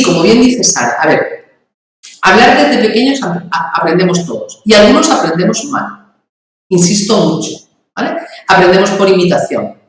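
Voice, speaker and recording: A woman's voice: on the low side, heavy reverb, distant mic, low-quality recording. A woman with an Andalusian accent, from Andalusia, speaking as a communication and public speaking trainer in an interview, emphatic and didactic, using examples and rhetorical questions. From Andalusia, Spain. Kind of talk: explanatory interview talk.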